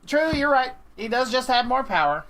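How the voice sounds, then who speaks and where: With a crowd audible behind him, a thirties-aged prank caller and interviewer speaks at an extremely high pitch, swinging widely in tone at a moderate pace. His phone chat is casual and teasing, peppered with probing, interviewer-style questions.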